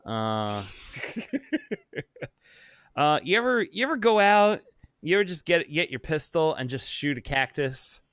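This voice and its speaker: A man's voice: on the high side, big pitch swings, measured pace, long pauses, fairly bright tone, smooth, no room sound, studio quality. A man co-hosting a casual comedy podcast, rambling and swearing, often breaking into laughter. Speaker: podcast co-host.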